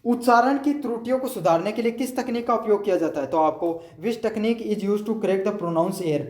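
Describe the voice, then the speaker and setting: A man's voice: sits high, moderate pace, darkish tone, echoey room. A male teacher going through exam questions, explaining each answer and checking with the students.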